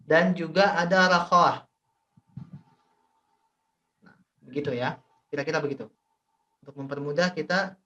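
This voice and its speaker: A man's voice: sits high, fairly bright tone. Indonesian man, recitation teacher on a video call, patient and repetitive, lots of fillers. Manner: explains slowly with many fillers and repetitions. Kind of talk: online tajwid class.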